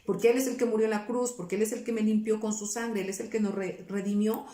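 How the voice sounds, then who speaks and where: A woman in her forties tells her testimony as a pastor in an interview, earnest and searching for words with many restarts. Her voice is warm and mellow. She sounds like she is in an echoey room. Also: medium pitch, steady tone, quick pace. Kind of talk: personal testimony in a casual interview.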